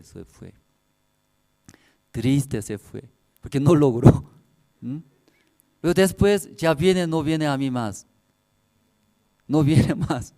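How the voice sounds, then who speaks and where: A man's voice: medium pitch, dark tone. A man preaching a sermon, telling personal stories in simple, broken Spanish with frequent laughter. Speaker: pastor.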